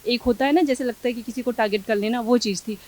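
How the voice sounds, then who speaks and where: A young woman, giving a news interview and animatedly acting out the exchanges she recounts. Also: fairly high pitch. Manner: animated, quick, acts out quoted exchanges.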